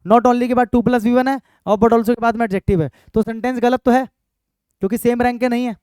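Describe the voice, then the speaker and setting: A man teaches grammar in a high, smooth, resonant voice. The sound is close and dry, with no room around it. He keeps asking his students questions and reads each example sentence out slowly. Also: steady tone, a little mellow, no room sound. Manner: repeats points and quizzes students with questions. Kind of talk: exam-prep grammar lesson.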